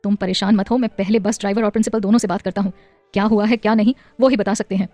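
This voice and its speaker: A loving husband and father in an audio story, soothing and protective, as a woman narrator voices him. He speaks at a middle pitch in a dry, close setting with faint music underneath. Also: fairly even intonation, racing, dark tone, no echo, lightly acted. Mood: urgent. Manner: soothing then urgent. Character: adult man, worried loving husband and father.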